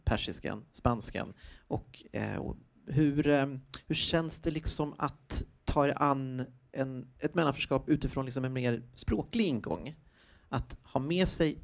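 Man, mid pitch, hesitant moderator, lots of fillers. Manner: hesitant, many fillers, searching for words. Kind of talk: moderating a public talk.

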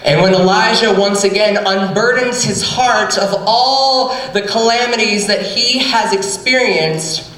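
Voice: mid-range voice, a bit bright. A storyteller retelling a scripture story wryly with comic asides at a live theatre show. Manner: unhurried, wry, asides. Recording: echoey stage, from far off.

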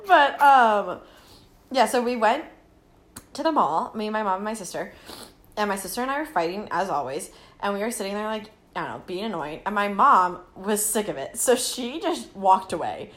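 A woman's voice: medium pitch, moderate pace. A young woman co-hosting a podcast, telling a childhood story in casual chat, giggling and acting out voices. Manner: giggly, animated, acts out voices in her stories. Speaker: podcast co-host.

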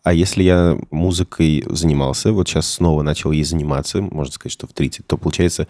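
A man in his thirties with a low voice, firing off questions and reasoning aloud at a quick pace. His tone is dark and mellow, recorded dry and close. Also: fairly even intonation, dry recording. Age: 30s. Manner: questioning, working things through.

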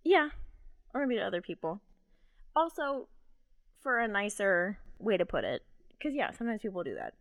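A woman's voice: medium pitch, very animated, moderate pace, long pauses, no echo. A woman co-hosting a podcast in casual chat, wry and self-deprecating, often giggling. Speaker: podcast co-host.

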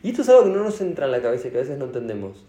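A man with an Argentine accent giving a sermon as a rabbi, animated and asking his audience questions. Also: medium pitch, very fast. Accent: Argentine Spanish. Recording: echoey room.

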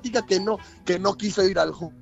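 A man's voice: sits high, fairly quick, creaky, muffled recording, soft background music. An actor playing a broke, joking male sports reporter with a Veracruz Mexican accent and rambling, slangy talk.

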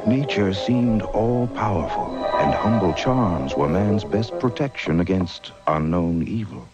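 A very deep-voiced man narrates a vintage commercial like a grave teller of ancient myths. His scripted delivery sits over a loud bed of music. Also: animated, a little slow, lo-fi sound. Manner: grave, ancient-myth storytelling. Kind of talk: scripted narration of a book series advert.

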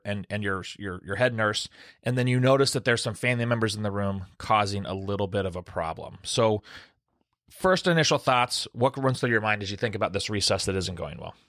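Fast-talking male emergency doctor host. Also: fairly low pitch, fairly bright tone, no room sound, studio quality. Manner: quick, conversational, asks questions and sums up the others. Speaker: podcast host and emergency physician. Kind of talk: panel discussion.

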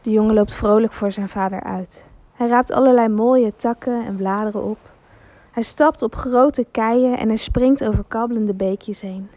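A woman reading a gentle story aloud as narrator, slowly and carefully. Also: fairly high pitch, no room sound. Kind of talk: scripted storytelling.

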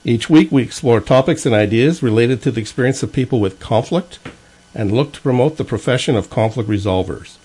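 A man hosting a radio interview, reading his announcements and then asking relaxed questions. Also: medium pitch, brisk, breathy edge. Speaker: radio show host.

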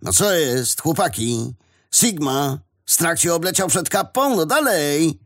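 A man voicing a brash male fight announcer who hypes the crowd with loud chanting calls in an audiobook. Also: a little high, expressive, slow, pitched above the performer's own voice, exaggerated voice. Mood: hyping.

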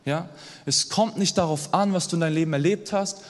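A young man delivers a sermon in a casual, lively way, often turning to his listeners with a quick question. His voice sits fairly high. A long reverb from the hall trails each phrase. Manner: lively, conversational, asks the audience "oder?" often. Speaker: preacher.

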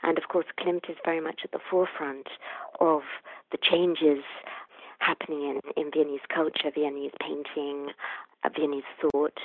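A woman's voice: low-pitched, little pitch movement, moderate pace, no room sound. A woman art historian answering interview questions thoughtfully, often restarting her phrases. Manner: thoughtful, with frequent restarts and hedging fillers. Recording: tinny phone line, dry.

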